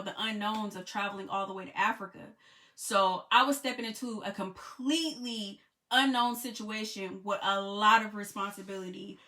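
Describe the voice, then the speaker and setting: Talking to the camera, a woman from the United States shares a story in a relaxed vlog style; she's a travel vlogger and group trip leader. Her tone is bright and mid-pitched, full of "you know" fillers, and her excitement builds along the way.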